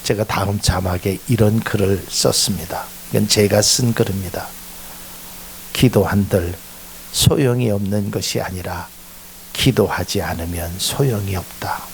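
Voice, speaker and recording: A man's voice: lowish voice, unhurried, a little hiss or hum. A middle-aged male pastor preaching a sermon, acting out quoted voices and rising to emphatic peaks.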